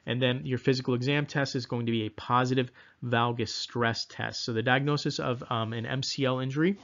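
A man's voice: mid-range voice, highs cut off. A man giving a casual, self-deprecating exam-prep lecture, repeating mnemonics with frequent ums. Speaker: exam review instructor.

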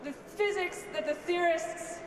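A woman's voice: extremely high pitch, fairly even intonation, unhurried, a little hiss or hum. A woman giving a short, punchy speech at a physics event, listing with rhythm. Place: large hall. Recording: echoey hall.

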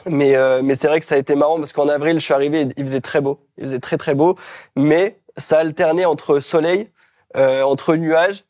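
A man from France, a guest in a casual interview, talking in a relaxed, chatty way with frequent hesitations. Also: fairly high pitch, moderate pace.

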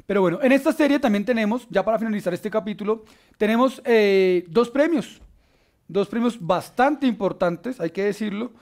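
A man with a Colombian accent hosting a casual basketball panel, enthusiastic and full of filler pauses. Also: high-pitched, darkish tone. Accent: Colombian Spanish. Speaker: sports show host.

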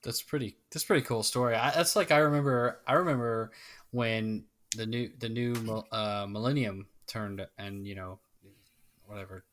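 This podcast co-host has a lowish, slightly bright voice at a moderate pace, with a little hiss or hum on the recording. His casual chat wanders, and he keeps breaking off to restart his sentences.

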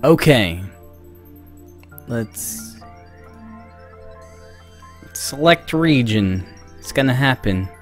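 Very slow and pausing often, a young man with an animated, mid-range voice chats casually on his video game livestream. He wanders from topic to topic, distracted and mocking himself. A boom-arm microphone picks him up over background music.

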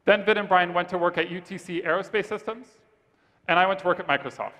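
A man pitching his startup on stage, then answering judges' questions in a steady, rehearsed way. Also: quick pace. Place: large event hall stage. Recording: reverberant conference hall.

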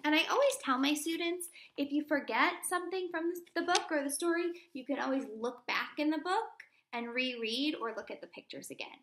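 Over a noisy background, a woman with a high-sitting voice reads a little fast with hardly any pauses. She's a primary school teacher in her thirties, giving young children a read-aloud lesson with simple explanations and questions.

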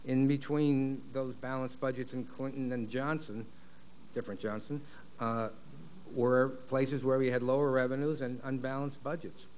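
A man's voice: mid-range voice, level tone, darkish tone, a little hiss or hum. An older man testifying as an expert witness, blunt and confident, on a desk mic in a large paneled hearing room. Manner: blunt, confident, drawn-out fillers. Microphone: desk microphone.

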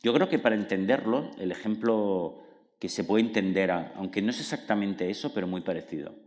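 A man giving a public book talk as author and psychologist, explaining lively and acting out inner dialogues with many tag questions. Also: fairly low pitch, brisk. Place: cultural centre hall. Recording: long hall reverb.

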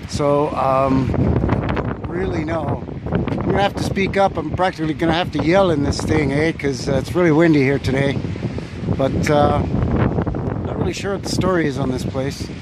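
Filming on a handheld phone as he strolls down a windy winter street, this vlogger of old buildings speaks at a moderate pace in a slightly high voice. His relaxed narration wanders with fillers and hesitant side comments while wind and traffic sounds carry behind him.

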